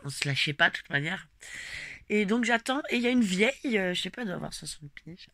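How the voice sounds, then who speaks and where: Gravelly-voiced woman telling a protest story. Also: mid-range voice, fast talker, no room sound, studio quality. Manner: animated, emphatic storytelling with frequent swearing; talks to listeners directly, loose and rambling. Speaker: gilet jaune protester recounting a march. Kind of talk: casual spoken personal account.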